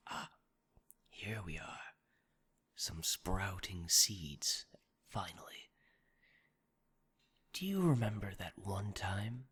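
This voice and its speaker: A man's voice: sits low, fairly bright tone, full character voice. A man voicing a sly, gloating shoulder devil in an ASMR role-play, savoring ornate words with theatrical relish. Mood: gloating, teasing. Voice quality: gravelly, husky, breathy. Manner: theatrical, ornate, alliterative, savoring each word. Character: sly, gloating shoulder devil, weary office-worker of sin.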